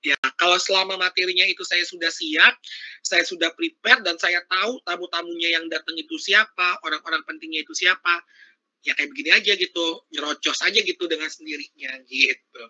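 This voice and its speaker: A man's voice: fairly high pitch, fairly even intonation, fairly quick, bright, forceful tone, highs cut off. A man giving a casual, interactive workshop talk over a video call. He chats freely and keeps asking his audience questions. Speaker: workshop speaker.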